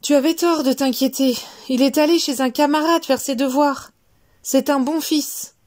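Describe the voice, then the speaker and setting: A woman voicing a calm father mouse in a storybook, reassuring and gentle. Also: sits high, moderate pace, voice pushed up, natural voice.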